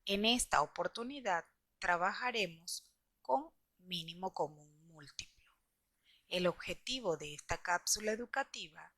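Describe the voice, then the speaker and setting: A woman teacher reading a scripted lesson for schoolchildren, explaining slowly and deliberately. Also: lowish voice, fairly bright tone, no room sound. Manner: slow, deliberate explaining to children.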